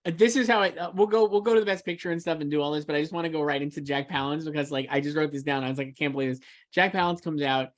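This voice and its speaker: Racing along in a slightly high voice with fairly even intonation, a male co-host talks about films in a casual, emphatic way. He's a film awards editor, and his loose speech is packed with repeated filler words.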